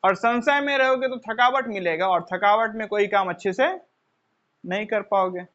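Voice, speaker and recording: High-voiced man lecturing with rhetorical questions. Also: moderate pace, a bit bright. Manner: asks rhetorical questions and answers them himself; addresses listeners as children. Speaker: teacher. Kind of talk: motivational classroom lecture. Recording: dull lo-fi recording.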